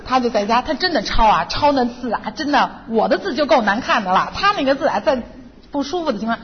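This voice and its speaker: In an echoing hall, captured on a muffled recording with faint noise, a middle-aged woman shares her testimony at church. Her voice is a little high and expressive, and she talks at a quick pace. She acts out her own prayers with earnest emotion.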